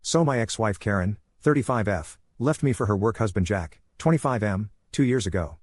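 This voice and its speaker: A man's voice: lowish voice, animated, normal speed, dry recording, clean studio sound. A man reading an online story aloud as a narrator, in a matter-of-fact storytelling manner.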